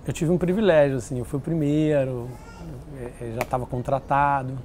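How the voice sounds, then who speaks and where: A man telling stories in an interview, lively and acting out what others said. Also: mid-range voice, moderate pace, a little hiss or hum. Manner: animated, acts out quoted voices. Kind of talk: casual storytelling interview.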